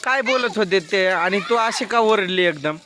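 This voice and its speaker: A man's voice: sits high, expressive, normal speed. A man filming a vlog who keeps pressing questions and scolds in a casual family chat. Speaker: vlogger.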